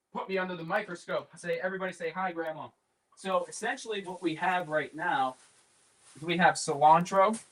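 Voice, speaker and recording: A man's voice: a little high, fairly bright tone. A man with a Pittsburgh accent hosting a casual live cooking demo from his home kitchen, rambling loosely and swearing offhand. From Pittsburgh area. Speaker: cooking livestream host.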